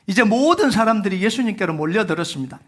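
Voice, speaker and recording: A man's voice: high voice, lively intonation, fast talker, fairly bright tone. A man preaching a Sunday sermon as pastor, talking to the congregation conversationally with rhetorical questions and leading them in reading scripture aloud. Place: church sanctuary.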